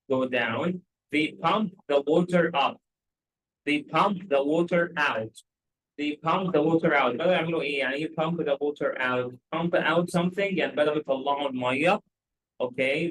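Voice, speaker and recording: Slow, measured Egyptian man teaching English. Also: a little high, fairly bright tone, poor audio. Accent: Egyptian Arabic. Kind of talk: explaining a story for English learners.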